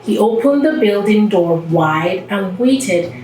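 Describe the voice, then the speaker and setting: A woman reads a storybook aloud to young children, using simple child-directed phrasing and asking her listeners questions. Her mid-range voice is slow and darkish with lively intonation, recorded on a distant mic in an echoey room with background music.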